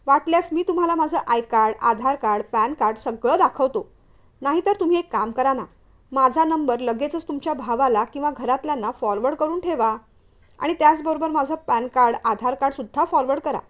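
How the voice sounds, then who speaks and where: A woman reads the part of an educated young man, pleading and earnest, in a higher voice than most men. He talks politely and keeps pressing his case. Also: brisk, natural voice.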